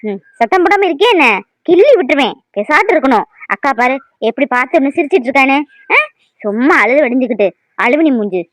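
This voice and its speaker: A bossy young mother from a cartoon, acted by a woman scolds in loud, threatening bursts. She speaks high, and the sound is dry and close. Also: lively intonation, quick pace, no room sound, poor audio. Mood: scolding.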